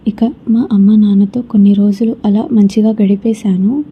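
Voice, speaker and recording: A woman narrating a horror story in a soft voice that often slips into a whisper. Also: medium pitch, flat delivery, normal speed, slightly rough, narrow, tinny audio.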